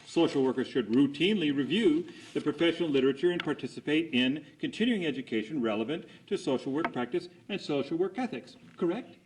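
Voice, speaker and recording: A man's voice: a little high, expressive, fast, few pauses, slight background noise, low-quality recording. A man conducting a cross examination as an attorney, putting formal, methodical leading questions and seeking agreement after each statement.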